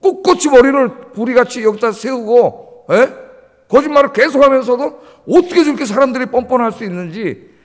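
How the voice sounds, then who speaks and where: Male pastor, high and animated, emphatic sermon delivery, reverberant sanctuary sound. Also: fairly quick. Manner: emphatic, rhetorical questions to the congregation. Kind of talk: early-morning sermon. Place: church sanctuary. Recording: long church reverb.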